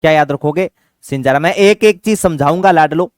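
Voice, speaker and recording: In a dry recording, a smooth, higher-pitched male voice teaches an exam-prep class. He treats his students in a fatherly way, answers his own questions, and chants mnemonics at a slow pace.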